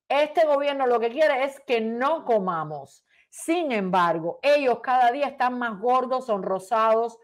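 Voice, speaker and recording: A woman talk show host, reading a letter aloud in an indignant, dramatic way with emphatic stresses. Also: high voice.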